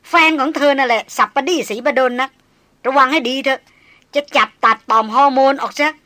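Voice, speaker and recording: A woman reading an audiobook, voicing a feisty, sharp-tongued young woman who speaks in a bold, teasing way. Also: high voice, pitched above the performer's own voice. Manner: teasing, bold, quick-tempered.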